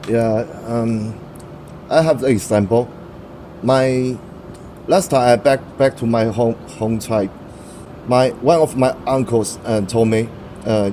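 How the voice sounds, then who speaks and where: In English, a young man from Taiwan whose native language is Mandarin Chinese fields interview questions, pausing often and restarting while he gropes for words. He has a mellow, medium-pitched voice. The audio is poor, with slight background noise.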